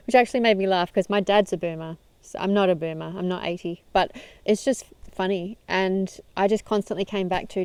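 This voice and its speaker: Aussie woman giving a motivational talk to camera, warm and encouraging, smooth clear voice, mid pitch. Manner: earnest, encouraging, conversational, with frequent soft laughs. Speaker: self-help video host.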